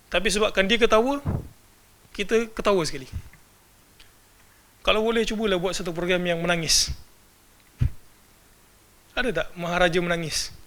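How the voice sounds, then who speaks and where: High bright-voiced Malaysian preacher. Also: male voice. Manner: asks the audience rhetorical questions. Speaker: religious teacher. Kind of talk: religious lecture.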